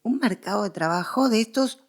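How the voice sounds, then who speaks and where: As an expert guest in a conversational scholarly interview, a woman with an Argentine accent explains things animatedly, repeating phrases for emphasis. Her mid-range voice moves fairly quickly.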